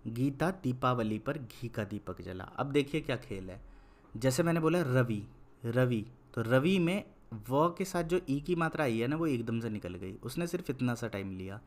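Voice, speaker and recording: A young man teaching Hindi in an online lesson. He is patient, explains slowly, repeats words, and turns blunt when he lectures. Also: medium pitch, animated.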